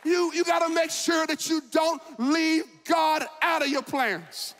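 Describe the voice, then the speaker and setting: Unhurried and high-voiced, a pastor in his forties gives a sermon from the pulpit, alternating between booming, shouted statements and hushed, reflective moments while repeating phrases for emphasis. Soft music plays in the background along with some chatter, all washed in the long reverb of a large sanctuary.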